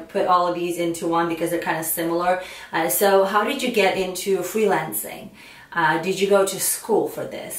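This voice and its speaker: A woman in her thirties with a Ukrainian accent chats to the camera as a vlogger, filling her talk with ums and restarts. Her voice sits in a middle range for a woman. She sounds a little off-mic in a roomy home studio with clear echo. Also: medium pitch, recorded from a distance. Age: 30s. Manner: chatty, many fillers and restarts. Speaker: makeup artist vlogger. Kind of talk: casual chat to camera. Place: home studio room, indoors.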